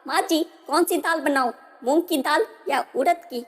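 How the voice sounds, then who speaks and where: A woman's voice: high-pitched, moderate pace, natural voice. A woman voicing a polite young bride. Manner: polite, dutiful asking. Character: polite young newlywed daughter-in-law. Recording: long hall reverb.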